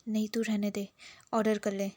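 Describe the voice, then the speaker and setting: A woman's voice: medium pitch, flat delivery, normal speed, mellow, no room sound, lightly acted. A woman voicing a shy young man who fusses and teases, in a recapped romance series.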